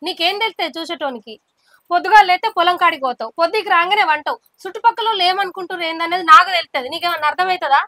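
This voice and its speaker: A woman's voice: very high voice, fast talker, pushed and bright, no echo. A woman playing a resentful village wife and mother who complains sharply. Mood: bitter. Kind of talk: village family drama acting.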